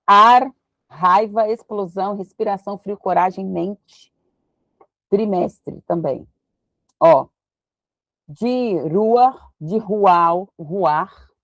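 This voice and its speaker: A woman's voice: mid-range voice, dry recording. A woman, teaching a casual Bible study and thinking aloud as she reads verses. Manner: chatty, thinks aloud while reading verses.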